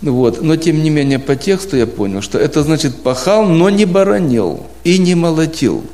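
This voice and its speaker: A man's voice: on the high side, expressive, normal speed, dark tone. Patient man teaching church brothers. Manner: patient, explaining with homely examples and rhetorical questions. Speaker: preaching instructor. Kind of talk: informal teaching talk to a group of church brothers. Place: church congregation abroad.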